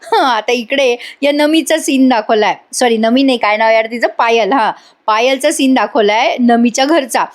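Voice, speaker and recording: A woman's voice: fairly high pitch, normal speed. A woman narrating a chatty voice-over recap of a TV serial, talking straight to her viewers. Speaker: serial reviewer.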